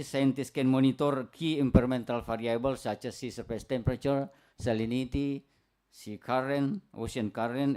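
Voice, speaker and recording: A man's voice: mid-range voice, a little mellow. A man with an Indonesian accent, moderating a workshop and reading its introduction aloud with frequent fillers. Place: seminar room.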